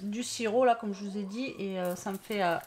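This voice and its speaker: Hoarse woman vlogging casually. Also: mid-range voice, brisk, a little mellow, a little hiss or hum. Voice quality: hoarse, raspy voice. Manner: rambling, many fillers, talks to her pet. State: tired, worn out. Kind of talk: casual vlog chat.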